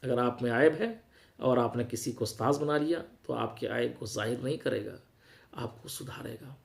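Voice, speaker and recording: A man preaching a sermon, moving from quiet earnest words to loud impassioned rises. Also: mid-range voice, vocal fry.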